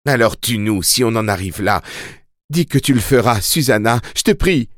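A man voices a desperate young mother pleading urgently, raising his voice to play her. His mid-range voice is animated at a normal speed, pitched above his own natural voice yet close to an everyday one, recorded at studio quality with no echo.

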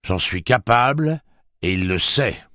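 A man voicing a stern, resolute gunslinger who speaks steadily and in measured tones. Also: fairly low pitch, lively intonation, pushed and bright, no echo, studio quality, voice pushed up.

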